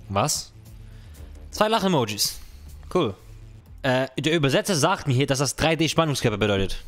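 A man's voice: mid-range voice, a bit bright. A young man, reacting casually to comments on his own video, dropping slang and English phrases. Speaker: content creator.

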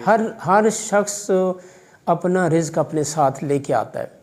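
A Pakistani college vice principal in his 50s, speaking with a Pakistani Urdu accent, answers interview questions in a measured, fatherly way, using religious phrasing and hesitant fillers. A distant camera records him in an office; his voice is fairly high, animated and darkish in tone.

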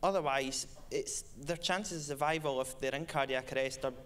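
A man's voice: mid-range voice, normal speed, fairly bright tone, clean tone. A young man who has won an award, answering questions on stage in a passionate, eager way. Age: young adult. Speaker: award winner. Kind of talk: on-stage interview.

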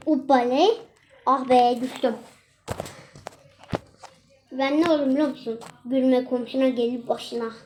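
A woman's voice: high voice, a little mellow, slight background noise. A young woman chatting casually and exclaiming as she plays a mobile game for her channel. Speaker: gaming channel host.

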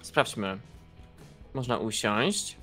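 A young man giving excited co-op gameplay commentary, often bursting into laughter. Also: on the low side, very slow, faint music behind. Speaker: gaming YouTuber.

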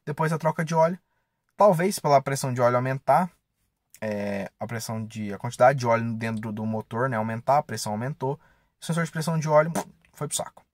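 A man in his 20s vlogs from inside a parked car, chatting casually with slang and a bit of mild profanity. His mid-range voice is fairly quick, recorded by a camera or phone held at arm's length, yet the sound is clean and studio-like with no echo.

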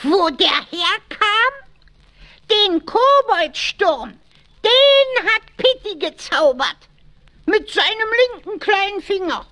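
An actor voicing a cheeky, boastful little kobold with a squeaky voice in a children's audio play. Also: sing-song, slow, pushed and bright, exaggerated voice. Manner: boastful, exclamatory, refers to himself by name.

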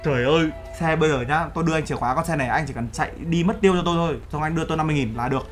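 A man's voice: on the high side, rapid-fire, faint music behind, lightly acted. A man role-playing a boastful overseas-company boss in a game, brash and teasing. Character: boastful male overseas-Vietnamese CEO. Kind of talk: game role-play banter.

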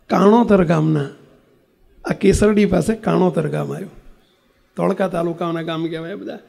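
A man's voice: sits high, gravelly. A man telling a devotional story in a sermon, acting out the dialogue and often asking listeners if they follow. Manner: animated storyteller, acting out dialogue, asks "understood?". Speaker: religious preacher.

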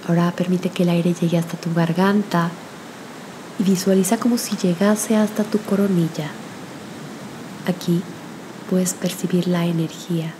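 A woman guides a spiritual meditation in a gentle, soothing way, leaving long pauses. Her voice is lowish with a steady tone, set against a noisy background.

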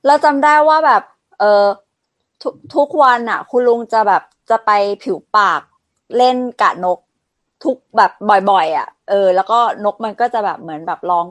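A woman's voice: mid-range voice, lively intonation, normal speed, no room sound. A woman in casual podcast chat, reminiscing hesitantly with many fillers. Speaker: podcast co-host.

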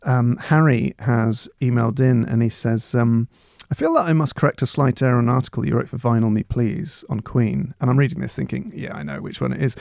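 A man's voice: mid-range voice, fairly even intonation, fairly quick, vocal fry, few pauses, darkish tone, no echo, clean studio sound. A man co-hosting a comedy podcast, reading out listener emails in a wry, teasing manner with tangled self-corrections. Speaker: radio comedy podcast co-host.

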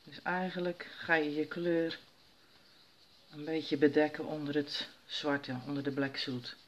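A deep, level-toned woman speaks at a measured pace over slight background noise. She's a crafter demonstrating stamping in a casual tutorial at home as her kids sleep, talking herself through every step.

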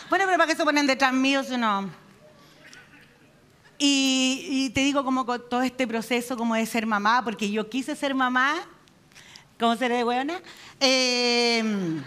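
A Chilean woman on stage doing stand-up, her voice high and ringing. She fires off crude, slangy jokes and keeps pulling the audience into the banter. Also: a bit bright. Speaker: stand-up comedian. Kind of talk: live stand-up set.

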